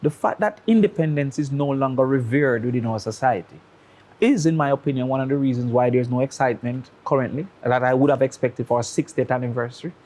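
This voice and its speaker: This studio guest, a man with a Jamaican accent, has a mid-range, slightly mellow voice and talks quickly. He delivers opinionated talk-show commentary, arguing his case through analogies and rhetorical questions.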